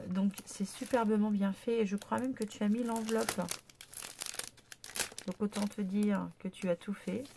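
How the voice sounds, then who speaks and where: A woman's voice: mid-range voice, vocal fry, mellow, slight background noise. A woman with a stuffy nose from a cold, chatting casually and gushing over scrapbooking swaps. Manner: gushing, chatty, lots of fillers. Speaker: scrapbooking vlogger. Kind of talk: casual unboxing chat.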